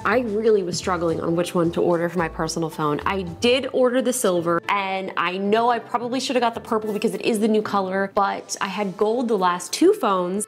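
A woman hosting a casual unboxing vlog from her own studio, bubbly and excitable and gushing over what she unpacks. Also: medium pitch. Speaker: tech YouTuber host.

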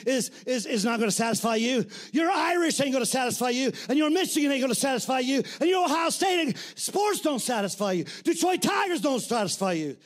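A middle-aged man preaching a sermon as pastor, blunt and colloquial, often shouting. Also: very high-pitched.

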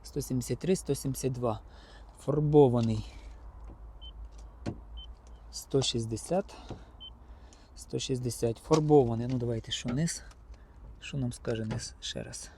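Mellow-voiced man touring a car lot. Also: mid-range voice, measured pace, pauses often, slight background noise. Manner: chatty, addresses viewers directly as friends. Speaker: car-market vlogger. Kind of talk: casual on-the-spot car inspection vlog. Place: outdoor used-car market.

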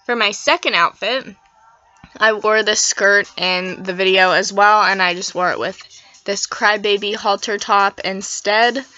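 A woman's voice: mid-range voice, fairly even intonation, a little slow, sharp tone, lo-fi sound. A young woman with a sick voice, chatting affectionately through her outfits as a fashion vlogger. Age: young adult. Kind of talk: casual outfit vlog voice-over.

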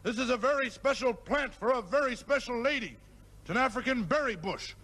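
A man's voice: extremely high pitch, animated, a little fast, fairly bright tone, heavily acted. An actor voicing a cantankerous, pompous, lecherous very old man, a heckler in a puppet comedy, with an aged, grumbling voice. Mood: smitten, boastful. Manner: indignant, pompous, crotchety. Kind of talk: puppet comedy character acting. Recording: noisy old TV comedy soundtrack.

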